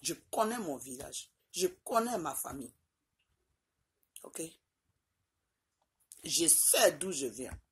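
In a husky, low-pitched voice with big pitch swings, a middle-aged Ivorian woman speaks slowly and pauses often. She talks straight to her phone camera at arm's length from a small room, her accent Ivorian French. Insistent, she repeats her points and keeps checking in with "ok?".

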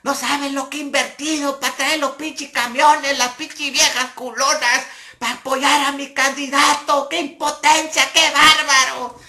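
A man telling a story while voicing a furious, whining fat old political organizer, with a shrill, insulting delivery. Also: fairly even intonation, normal speed, hardly any pauses, sharp tone, exaggerated voice.

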